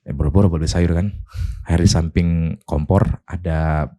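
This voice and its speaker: Low dark-voiced guy from indonesia, chatty interview storyteller who acts out the people he quotes. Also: moderate pace. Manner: lively storyteller, voices quotes, laughs while telling. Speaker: guest, clothing business owner.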